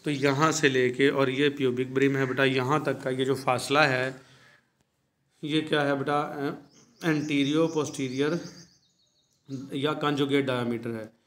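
A man teaching a recorded class in a patient, explaining way, and his voice stays level with little rise and fall. He reads passages slowly before going over them. A faint noise runs underneath. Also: medium pitch, level tone, a bit bright. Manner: explains slowly, calls students 'beta', reads English text slowly then explains it. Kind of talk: recorded lecture.

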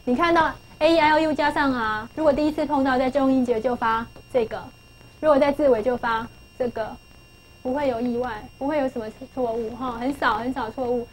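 A woman's voice: sits high, slight background noise, poor audio. A middle-aged woman teaching English phonics to a class, coaxing pupils with questions and repeating key phrases.

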